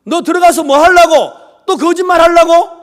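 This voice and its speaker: A male pastor voicing an angry, grieving middle-aged father who shouts at him. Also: high voice, lively intonation, normal speed. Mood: furious.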